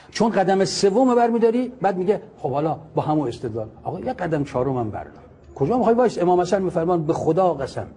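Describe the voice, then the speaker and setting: Male preacher, sermon delivery, argumentative and fervent; husky timbre, slightly raised pitch. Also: warm tone. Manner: impassioned, argumentative, rhetorical questions; recites Arabic quotations slowly.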